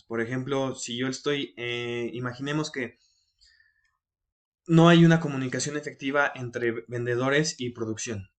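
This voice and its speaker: A man teaching a recorded online business class, explaining in a conversational way with fillers and frequent restarts. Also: medium pitch.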